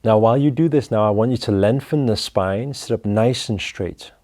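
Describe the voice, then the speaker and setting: A man leading a guided breathing meditation, talking slowly and calmly through each step. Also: on the low side. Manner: slow, calm, instructive.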